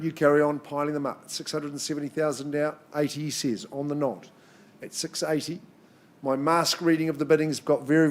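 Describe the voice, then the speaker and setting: Higher-voiced man calling a live property auction. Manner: chatty patter between clipped, repeated number calls. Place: in-room auction.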